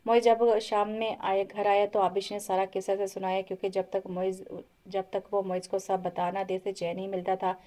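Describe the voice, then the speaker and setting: A woman narrating an audio novel in a calm, steady storytelling voice. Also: medium pitch, normal speed, few pauses, rough recording.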